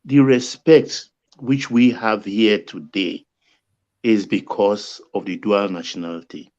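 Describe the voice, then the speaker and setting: A man's voice: on the low side, steady tone, slow, a little mellow. An older man, arguing emphatically as a panelist in a heated debate. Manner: emphatic, bursts upward on key points. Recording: dull lo-fi line.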